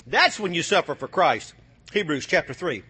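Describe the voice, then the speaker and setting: A man preaching a sermon, swinging from low, quiet passages to shouted, fiery calls to the congregation. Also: very animated, moderate pace, slightly rough.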